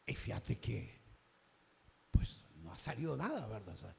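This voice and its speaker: Animated Salvadoran preacher in an echoing hall. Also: male voice, lowish voice, a little slow, gravelly. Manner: animated storytelling, acting out dialogue, rising to shouts. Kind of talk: sermon with personal testimony.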